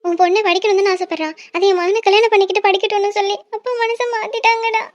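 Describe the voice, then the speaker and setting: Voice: extremely high pitch, little pitch movement, fast talker, highs cut off. A performer voicing a young woman in a cartoon, a lovesick younger sister who pleads in distress. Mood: upset. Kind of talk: cartoon voice acting.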